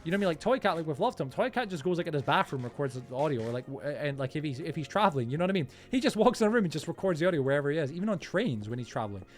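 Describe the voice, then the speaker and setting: A man's voice: a little high, big pitch swings, very fast, few pauses, soft background music. A man chatting casually on a gaming livestream in a rambling, nonstop stream of informal, slangy talk to his viewers. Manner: informal, slangy, often addressing viewers as bro, man, dude.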